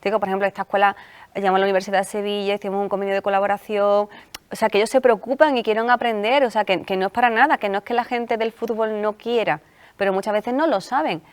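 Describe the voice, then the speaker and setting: A sports psychologist with an Andalusian Spanish accent appears as a talk show guest, telling animated stories and acting out the coaches she quotes. She talks fast in a smooth, medium-pitched voice.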